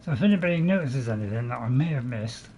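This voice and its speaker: A man's voice: medium pitch, expressive, fast, a little mellow, slight background noise. A man giving casual gameplay commentary in a hesitant, chatty, repetitive way. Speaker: game streamer.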